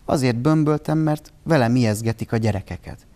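A man's voice: mid-range voice, mellow, lightly acted. A man voicing a small tearful green creature in a children's story, with a plaintive, whiny manner.

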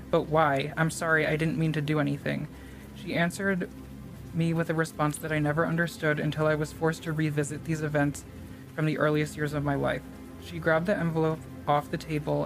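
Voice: mid-range voice, vocal fry, rough recording. A podcast co-host reading a creepy story aloud, then chatting casually and laughing often. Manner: laughs often, drawn-out emphasis.

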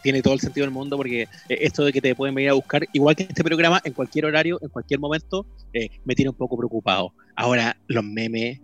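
A man's voice: mid-range voice, quick pace, hardly any pauses, muffled recording, soft background music. A man with a Chilean accent co-hosting a podcast in loose, slangy chat, prone to vocal imitations. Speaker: podcast host. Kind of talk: casual chat.

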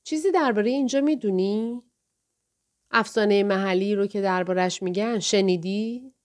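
A composed young waitress with a polite, level voice, read by a woman. She speaks in a matter-of-fact way at a medium pitch. It is an audiobook character voice. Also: close to an everyday voice. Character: reserved, calm young café waitress.

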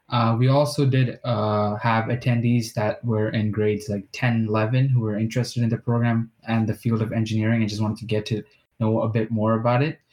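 A nineteen-year-old man co-hosts a casual student podcast. His voice sits in the middle range, and he explains at a steady clip with occasional uh fillers. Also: mid-range voice. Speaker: podcast co-host.

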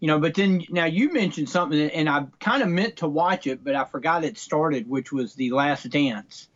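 A man's voice: on the high side, moderate pace, a bit bright, muffled recording. Easygoing middle-aged man. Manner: easygoing, rambling, many fillers. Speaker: podcast co-host. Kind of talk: casual chat.

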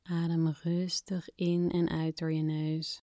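A woman speaking softly and gently as a podcast host guiding a calming breathing exercise, with phrase endings that fade toward a whisper. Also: sits low, slow pace, no echo, clean studio sound. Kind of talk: soft, soothing guided relaxation narration.

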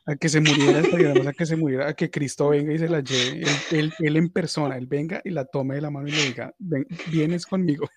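A man's voice: on the high side, steady tone, quick pace, hardly any pauses, background noise. A man hosting a comedy podcast, ranting crudely with mock-pious asides. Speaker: podcast host.

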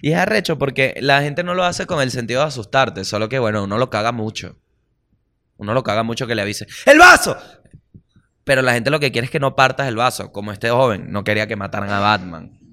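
A Venezuelan man hosts a casual comedic podcast at a mid pitch typical for a man. He talks in animated bursts, full of slang and swearing, breaking into little voices for the people he describes. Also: fast talker. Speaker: podcast host.

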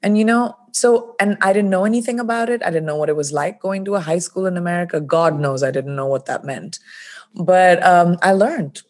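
A woman's voice: lowish voice, brisk. A woman from India, a guest in an interview, telling stories from her life in a reflective way. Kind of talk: interview conversation.

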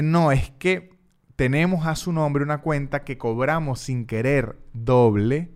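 A man's voice: medium pitch, clear, resonant tone. A young Venezuelan man hosting a podcast, telling a story casually, acting out the voices and repeating words for comic effect. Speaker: podcast host.

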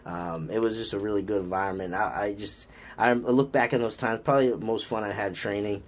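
This man speaks a little fast in a low, steady voice with a Boston accent, a strength coach rambling happily about lifting on a casual podcast and constantly restarting and filling gaps.

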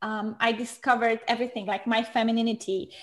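A woman's voice: a little high, flat delivery. A woman from Romania, a guest on a podcast who works as a marriage coach, chatting casually and laughing often, tagging her points with "right?". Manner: warm, laughs often, quick bursts with trailing "right?". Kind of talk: casual interview chat.

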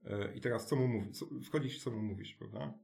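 A man, a school director, explaining his ideas in a conversational interview, halting with many restarts and tag questions. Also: mid-range voice, gravelly, a little mellow. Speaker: alternative school director, guest.

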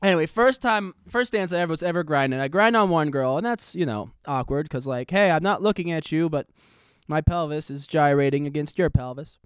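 This podcast host, a man in his late twenties, rambles a little quickly through a joking, self-deprecating story. His slightly high, smooth, clean voice is a bit out of breath, captured in a dry, close recording.

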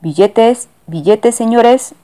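A woman's voice: on the high side, takes it slowly, mellow, voice pushed up. A woman voicing a formal, dutiful male train ticket inspector in a storybook reading. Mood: businesslike.

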